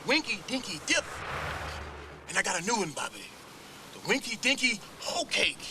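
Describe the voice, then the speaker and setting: An actor playing an exasperated, boastful fast-food boss in a comedy film, emphatic and cajoling. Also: male voice, high voice, big pitch swings. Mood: proud, cajoling. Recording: film clip with noisy backdrop.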